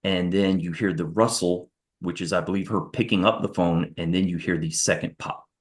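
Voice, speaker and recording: A man's voice: deep voice, fairly even intonation, normal speed. A man giving courtroom testimony as a witness, walking through events in a careful, methodical, step-by-step way. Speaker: witness on the stand.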